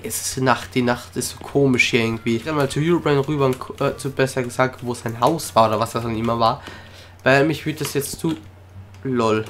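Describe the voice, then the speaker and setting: A man giving casual let's-play commentary, chatting excitedly to viewers, making little mouth sound effects and switching between shouts and whispers. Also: mid-range voice, slight background noise. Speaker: gaming video creator. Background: background music.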